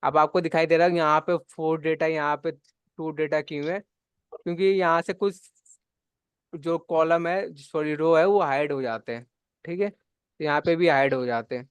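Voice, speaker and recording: A man's voice: on the high side, fairly even intonation, moderate pace, clean tone, no room sound. A man teaching a live spreadsheet class, explaining steps patiently and checking in often. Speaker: computer class instructor. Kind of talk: live online spreadsheet lesson.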